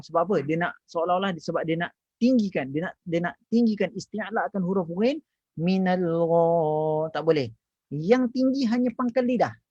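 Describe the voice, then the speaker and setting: A man's voice: high voice, darkish tone, slightly rough, no room sound. A man with a Malaysian Malay accent teaching Quran recitation in an online class, stretching out Arabic syllables to demonstrate them. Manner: drawn-out demonstrations of Arabic sounds, repeated syllables, frequent "ah" and "ha". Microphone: online class microphone. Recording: dull, dry online audio.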